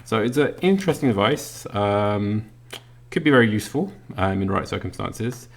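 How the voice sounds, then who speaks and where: A product reviewer sits at his work desk indoors, demonstrating a product casually and by hand. Speaking in a very low, fry-heavy voice, he sounds animated yet a bit halting and unscripted, over slight background noise.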